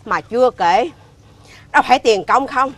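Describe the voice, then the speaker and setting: A woman with a Southern Vietnamese accent playing a shrill, nagging foster mother who scolds a lazy boy and often shouts. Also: lively intonation, normal speed, dry recording. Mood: lecturing. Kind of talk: comedy sketch acting.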